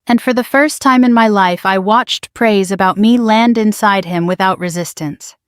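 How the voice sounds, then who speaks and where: A woman narrating a first-person story in a measured, quietly dramatic manner. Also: mid-range voice, clear, resonant tone, dry recording, clean studio sound.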